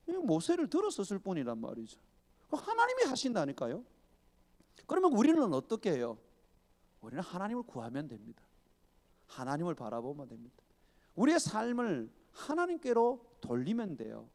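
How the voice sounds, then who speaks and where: A man's voice: sits high, darkish tone. A male pastor preaching an emphatic sermon with rhetorical questions and chuckling asides. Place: church sanctuary. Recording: long church reverb.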